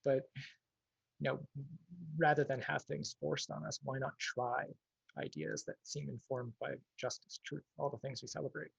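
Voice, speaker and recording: A man's voice: medium pitch, level tone, moderate pace, vocal fry, slightly rough, no echo, rough recording. A man speaking as an activist guest in a casual livestream interview. He is thoughtful and hedges, with plenty of "like" and "you know".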